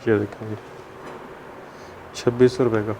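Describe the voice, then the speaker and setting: A man's voice: lowish voice, little pitch movement, measured pace. Pakistani man hosting, some background noise. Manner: short questions and repeated acknowledgements. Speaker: shopping video host. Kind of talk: unscripted shop-tour interview, asking prices.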